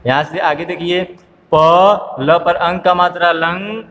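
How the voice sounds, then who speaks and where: A higher-pitched man teaches young children to read, spelling each word out slowly, one syllable at a time, and repeatedly asking what it makes. His voice carries a long reverb, with a faint room hum behind it. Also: steady tone, a bit bright. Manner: slow, drawn-out spelling aloud, syllable by syllable, with repeated questions. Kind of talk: phonics lesson for small children.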